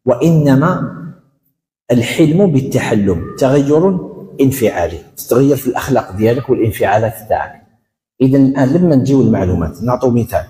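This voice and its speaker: A man with an Algerian accent giving a religious lecture as an educational counselor, animated and acting out little dialogues as he goes. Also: mid-range voice. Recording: roomy hall reverb.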